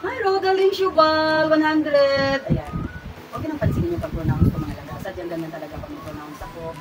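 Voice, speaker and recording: A Filipino woman vlogger hosting a giveaway raffle, talking casually to her viewers with playful teasing and excited squeals. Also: lowish voice, brisk, background noise. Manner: chatty, excited squeals at each winner, playful self-teasing. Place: hot room indoors. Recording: mic at a distance, music playing loud.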